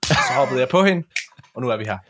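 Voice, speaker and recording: A man's voice: mid-range voice, animated, a loud crowd. A young man co-hosting a casual podcast chat, teasing with crude humor. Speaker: podcast co-host.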